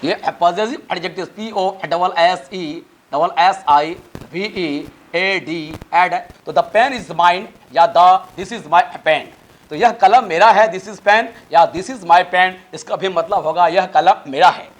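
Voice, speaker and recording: A man with an Indian accent teaching spoken English, spelling words letter by letter and drawing out his English examples slowly, urging students to memorize. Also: sits high. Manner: lecturing, exhorting students to memorize. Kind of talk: spoken English lesson in Hindi.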